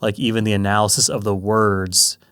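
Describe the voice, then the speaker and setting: A man's voice: fairly low pitch, little pitch movement, moderate pace, fairly bright tone, smooth. A man co-hosting a finance podcast, talking in an earnest, emphatic way with wry asides. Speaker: podcast co-host, financial planner. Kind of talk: casual podcast chat.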